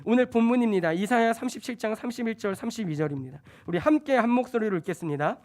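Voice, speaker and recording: Lively young male preacher. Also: high-pitched, quick pace. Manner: lively, acts out dialogue in quoted voices, joking asides. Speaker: junior pastor preaching. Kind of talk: sermon at a Friday night service. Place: church sanctuary.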